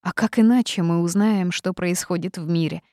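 Jumpy devout little cave girl, lady doing her, bright and excited. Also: fairly low pitch, normal speed, no echo, studio quality, natural voice. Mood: fervent. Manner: eager, fearful, excitable.

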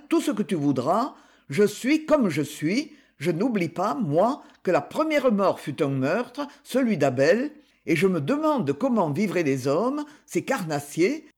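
A blunt, proud hunter stuck in his sickbed, vehement and defiant, as a man reads him aloud. The voice sits high and swings widely in pitch, unhurried and slightly husky. It is an audiobook reading. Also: big pitch swings, a little mellow, heavily acted.

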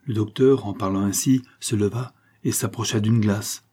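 A man narrating a novel with a low, dark and husky voice. He keeps a steady, even storytelling pace throughout the reading. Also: normal speed. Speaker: audiobook narrator. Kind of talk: scripted narration.

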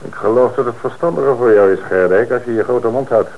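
In a radio drama, a man with a natural, mid-range voice portrays a calm, shrewd police commissioner. He speaks with measured authority, and the sound has phone-like quality.

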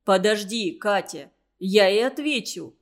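A woman reading a children's story aloud, voicing a calm, level-headed boy who leads his group. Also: mid-range voice, a little slow, natural voice. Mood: explaining. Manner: calm, reasoning.

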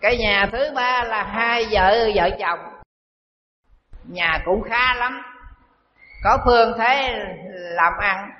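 Male monk, high voice, slow repetitive sermon delivery; echoey hall recording. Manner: slow storytelling with repeated phrases. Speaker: Buddhist monk teacher. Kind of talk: dharma talk sermon. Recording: dull echoey hall recording with faint hiss.

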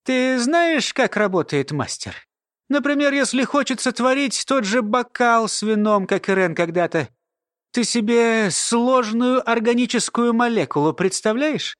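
A woman's voice: a little high, animated, a little slow, dry recording, studio quality, voice pushed up. A man voicing a sly old woman, a former nanny who mumbles and talks in a folksy way. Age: older.

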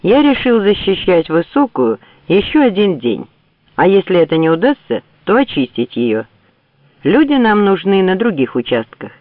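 A man voicing a weary commanding general who tries to calm others. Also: high-pitched, normal speed, dry recording, pitched above the performer's own voice. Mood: placating. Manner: placating, commanding. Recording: tinny phone-like dry audio.

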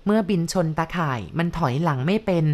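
A woman narrating a story in a calm, measured, descriptive reading voice. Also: fairly low pitch.

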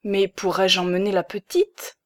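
A woman's voice: medium pitch, level tone, unhurried, no room sound, clean studio sound, close to an everyday voice. A woman reading the part of a fallen older baron who speaks gallantly and sounds bewildered. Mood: dazed.

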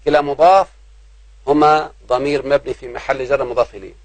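A man's voice: mid-range voice, fairly even intonation, fairly quick, no echo, rough recording. Man teaching grammar, dry sound. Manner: repeats key points, asks the class rhetorical questions. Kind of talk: grammar lesson explaining a text.

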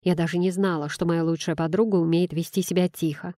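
A woman reading a novel aloud in first person, in an even storytelling manner. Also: fairly low pitch, brisk, dry recording, studio quality. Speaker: audiobook narrator.

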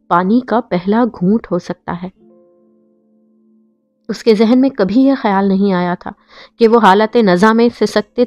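A woman narrating a novel in a steady, emotive storytelling voice. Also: on the high side, no echo. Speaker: audiobook narrator.

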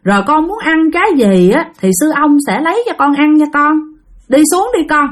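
A gentle old male monk, coaxing softly and kindly, as a woman storyteller speaks for him. His voice stays fairly high and lively. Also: normal speed.

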